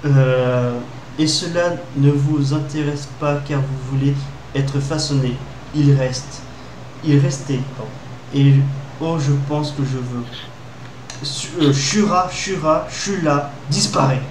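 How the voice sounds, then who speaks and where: A man's voice: a little high, slow. A man from Reunion Island streaming late at night, joking, swearing and laughing a lot in casual chat. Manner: jokey, swears, laughs often. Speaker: Twitch streamer. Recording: echoey room with loud background noise.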